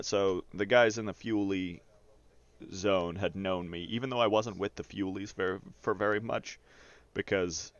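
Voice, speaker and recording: A streamer with a lowish voice tells personal anecdotes while gaming, rambling loosely as if streaming to friends and chuckling often. His language is salty, profane, and informal. The audio is a little dull and band-limited, like voice chat.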